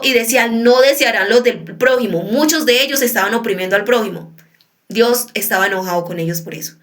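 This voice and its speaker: A woman preaching in a relaxed, conversational sermon. Her voice sits a little high for a woman. She keeps turning to her listeners with quick questions as she explains. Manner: conversational teaching, often checks in with listeners.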